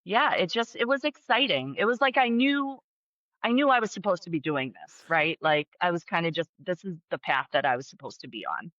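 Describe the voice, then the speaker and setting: A woman's voice: fairly low pitch, a little fast, dry recording. A woman, a special education teacher chatting as a podcast guest, with lots of fillers and restarts. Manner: chatty, many fillers and restarts, bursts of excitement. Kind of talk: casual interview conversation. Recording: dull, muffled sound.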